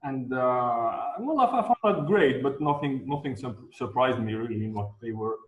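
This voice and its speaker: A man from Algeria, an activist guest speaking in a live online interview, halting with many fillers and repeated words. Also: medium pitch, lively intonation. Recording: echoey, dull lo-fi remote audio.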